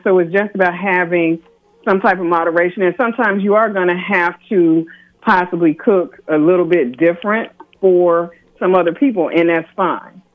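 A man, a guest doctor on a radio talk show, chatting casually, rambling and repeating himself with easy laughs. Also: high-pitched. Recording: dull lo-fi radio sound.

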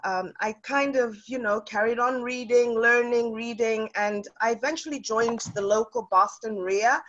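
A South African woman with a slightly high, somewhat bright voice speaks at a moderate pace as a guest in a casual interview. She's a real estate investor, and her talk is full of fillers and restarts, captured with lo-fi sound.

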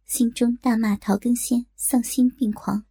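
A woman narrating a martial-arts tale in a steady, scripted audiobook delivery. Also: a little high, a little slow, husky, dry recording, clean studio sound.

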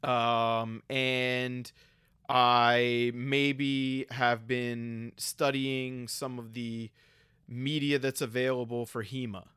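A man co-hosting a casual podcast, walking through a hypothetical student step by step and pausing on filler sounds. His voice sits at an ordinary pitch, and the recording is dry, with no room sound. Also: level tone, a bit bright, smooth, no room sound. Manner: lays out an example step by step, with frequent ums. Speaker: podcast co-host.

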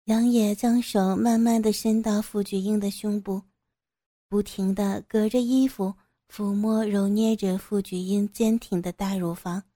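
Female narrator, warm dark tone, even storytelling pace, dry close sound. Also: mid-range voice, unhurried, no room sound.

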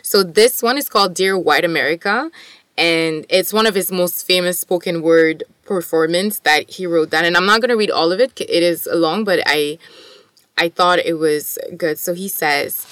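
A woman's voice: fairly low pitch, moderate pace, fairly bright tone, no room sound, clean studio sound. A woman whose first language is French, co-hosting a casual, enthusiastic discussion of articles and poetry.

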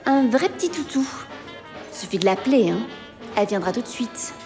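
A woman's voice: fairly high pitch, expressive, moderate pace. A woman voicing a weary talking painting who sighs theatrically about being stared at all day. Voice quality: sighing, theatrical. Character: weary talking artwork, a painting, dramatic and self-pitying. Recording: reverberant with music.

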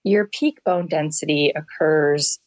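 A middle-aged woman doctor, hoarse from allergies, answering interview questions candidly and explaining with homely comparisons. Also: sits low, takes it slowly, no echo, rough recording. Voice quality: gravelly. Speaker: family medicine doctor, guest.

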